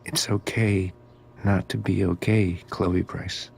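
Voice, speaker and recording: A man playing a creepy, cryptic, gently philosophical school groundskeeper in a video game, with a slow, ominous drawl. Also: deep voice, flat delivery, gravelly, a little hiss or hum, heavily acted. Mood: cryptic, probing. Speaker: groundskeeper character.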